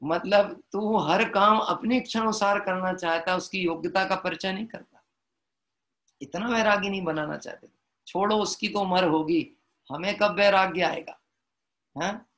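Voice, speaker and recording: A man giving a devotional sermon, telling a parable, chanting verses slowly and often checking in with listeners through rhetorical questions. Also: high-pitched, fairly bright tone. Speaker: Jain preacher.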